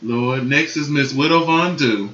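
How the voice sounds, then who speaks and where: A man co-hosting a casual TV review chat, animated and quick to laugh loudly. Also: mid-range voice. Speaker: co-host reviewing a TV competition show. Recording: dull, roomy home recording.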